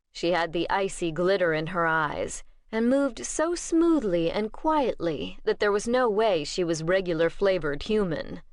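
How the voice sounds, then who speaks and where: A woman narrating an audiobook in a measured, steady storytelling manner. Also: mid-range voice, dry recording, clean studio sound.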